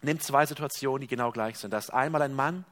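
A man delivers an earnest sermon, addressing his congregation as dear ones and shifting between loud emphasis and hushed tones. His voice is mid-range and he speaks fast.

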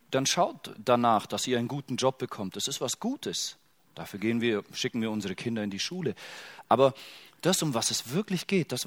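A middle-aged man preaching a sermon as pastor, in a casual, joking and conversational way, putting many direct questions to his listeners. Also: mid-range voice.

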